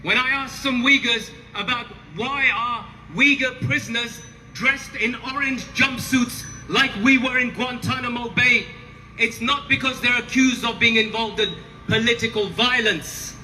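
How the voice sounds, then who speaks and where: A man's voice: very high-pitched, fairly even intonation, a little slow, sharp tone. A man giving an impassioned, roaring rallying speech to a crowd at an outdoor protest, putting emphatic questions to them. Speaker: protest speaker, former prisoner. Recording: noisy outdoor rally, reverberant amplified voice.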